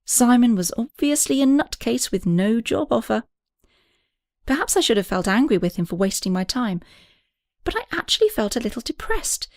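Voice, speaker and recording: A woman's voice: on the high side, a little mellow, dry recording, clean studio sound. A woman reading an audiobook, narrating and voicing several characters with small shifts.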